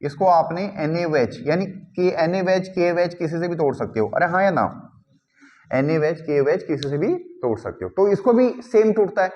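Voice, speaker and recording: A man's voice: fairly high pitch, expressive, highs cut off. A male chemistry teacher lecturing a class, constantly checking whether students follow and slipping English phrases into his teaching. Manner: keeps checking understanding with quick repeated questions.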